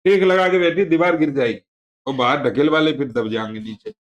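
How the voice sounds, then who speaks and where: A man giving a religious lesson to a class, explaining terms in a conversational, digressive way and repeating himself to make points clear. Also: a little high, brisk, muffled recording. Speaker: religious teacher.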